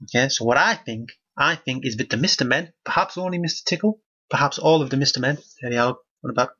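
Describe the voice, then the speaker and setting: A man with a husky voice reads a children's picture book aloud and keeps stopping for deadpan, mock-outraged commentary. His pitch sits in a middle register. The sound is dull and lo-fi. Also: fast talker. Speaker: host reading a children's book. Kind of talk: comic book reading with running commentary.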